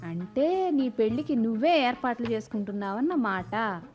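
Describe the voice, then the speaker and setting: Radio play: woman as a curious, teasing sister-in-law, lively high voice, lo-fi. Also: normal speed, faint music behind, lightly acted. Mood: probing. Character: curious, gently mocking elder sister-in-law.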